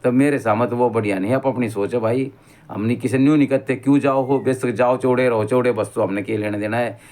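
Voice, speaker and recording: A man's voice: mid-range voice, fairly even intonation, a little fast, a little mellow. A middle-aged man with a Haryanvi accent, talking in a casual monologue and rambling through stories while calling the listener brother. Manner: rambling storyteller, keeps saying "bhai". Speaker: vlogger.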